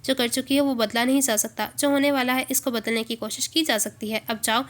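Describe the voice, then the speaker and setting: A woman's voice: a little high, steady tone, fairly bright tone, natural voice. A woman reading the part of a patient married woman who speaks in a soothing, reasonable way. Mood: calm. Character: calm, patient married woman, gently firm.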